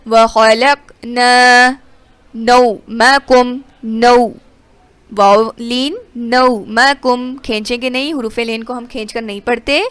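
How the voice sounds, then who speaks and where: A woman teaching Quran recitation rules, explaining quickly and then reciting verses slowly and drawn out. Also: a little high, steady tone, smooth, no echo. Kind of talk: tajweed lesson with recitation.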